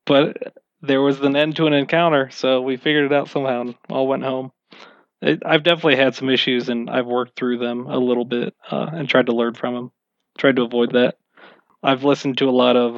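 A man talks loosely and at length about running games, with a wry, self-mocking humour. His voice sits at an ordinary middle pitch. The recording is dry and a little dull. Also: dry recording. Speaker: game master being interviewed. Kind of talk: casual interview answers.

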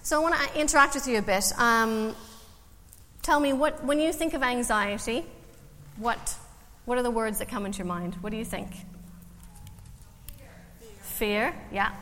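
A woman's voice: a little high, measured pace, long pauses, a bit bright. A woman in her forties from Canada, with a Canadian accent touched by an Irish twang, giving a casual, self-deprecating church talk full of ums. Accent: Canadian with a slight Irish twang. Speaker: guest speaker at church, counselor. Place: church hall. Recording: echoey church hall with faint noise.

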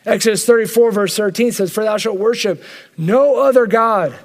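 A man's voice: high-pitched, moderate pace. A man preaching at a church retreat, telling a personal story and acting out the voices he quotes.

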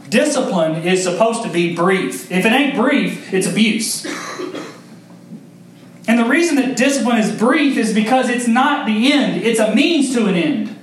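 A young man preaching a sermon, speaking directly to his congregation and building in intensity. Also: sits high. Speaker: pastor. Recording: echoey hall, mic far off.

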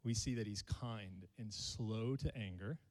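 A man's voice: fairly low pitch, a little slow, a little mellow, in a large hall. A male pastor, preaching a sermon to his congregation and joking with them. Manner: playful, jokes with the congregation.

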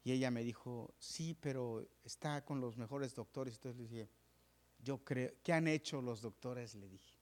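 Telling a story in his sermon, a male pastor with a medium-pitched voice speaks a little slowly. He sinks into hushed whispers before climbing to fervent, raised preaching.

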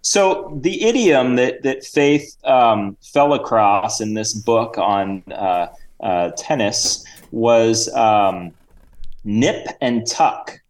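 A man hosting a comedy podcast, rambling and hesitant, with deadpan jokes in casual banter. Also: fairly low pitch, very slow. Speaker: podcast host.

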